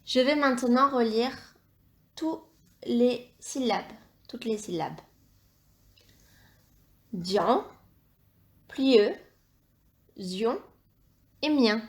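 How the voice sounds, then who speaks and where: A woman teaching a primary school phonics lesson, speaking patiently and spelling out each sound and syllable with careful, clear articulation. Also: a little high, very slow, long pauses.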